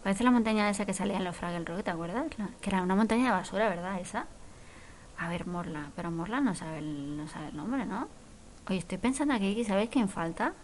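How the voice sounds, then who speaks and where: A woman's voice: mid-range voice, expressive, fast talker, slight background noise, rough recording. A woman chatting through a film as she watches it, exclamatory, with whispered asides. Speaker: film reaction commentator. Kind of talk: casual commentary while watching a film.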